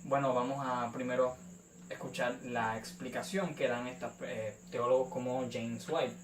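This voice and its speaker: A young man from Puerto Rico with a Puerto Rican accent, hosting his channel and calmly explaining a theological rebuttal, pausing often on "eh". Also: mid-range voice, echoey room, far from the mic, noisy background. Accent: Puerto Rican Spanish. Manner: measured, frequent "eh" fillers. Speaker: YouTube channel host. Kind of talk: apologetics response video.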